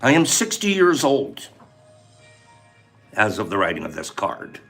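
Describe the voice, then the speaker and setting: A man hosting a casual livestream, chatty and animated as he reads out viewer names and runs a guessing game. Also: on the low side, unhurried, faint music behind. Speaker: livestream host.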